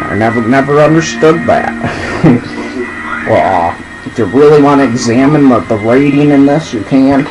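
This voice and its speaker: A drunk man rambling casually and haltingly as he presents and reads out a poem, drawing words out and losing his thread. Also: medium pitch, over music, rough recording.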